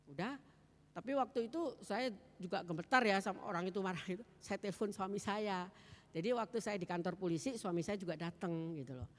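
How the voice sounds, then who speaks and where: A woman giving a spoken church testimony, telling her story with lively energy and acting out the voices of others. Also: mid-range voice, fairly quick. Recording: hall with long reverb.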